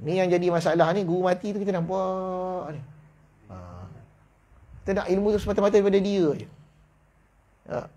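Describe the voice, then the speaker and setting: Malaysian male religious teacher, high voice, slow kitab reading then quick casual explaining, mosque lecture. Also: fairly even intonation, mellow. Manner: slow deliberate reading of kitab passages, then brisk colloquial explanation with laughs; acts out voices in quoted stories. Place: mosque hall.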